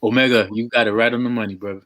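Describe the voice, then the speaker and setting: A man chatting excitedly with fellow artists on a live video call, gushing and laughing as he talks. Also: mid-range voice, racing. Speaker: diorama artist on a live panel. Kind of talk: casual chat.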